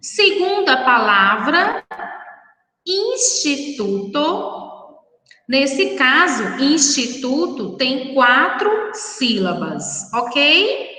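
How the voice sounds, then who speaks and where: A woman schoolteacher with a Brazilian Portuguese accent, giving a lesson to young children and slowly spelling out words syllable by syllable in a patient, affectionate way. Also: high voice, big pitch swings, sharp tone, roomy sound, long reverb tail, far from the mic, poor audio. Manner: slow, drawn-out syllable-by-syllable dictation to children; affectionate, patient, addresses pupils as children and darlings. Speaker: primary school teacher. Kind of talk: recorded remote class lesson.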